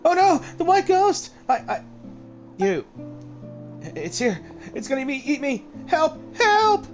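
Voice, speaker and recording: A man's voice: very high-pitched, wildly swooping pitch, slow, faint music behind, voice pushed up, exaggerated voice. A man voicing a terrified stranger who stammers and cries for help. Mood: panicked. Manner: shrieking, stammering. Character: panicky timid grown man, terrified.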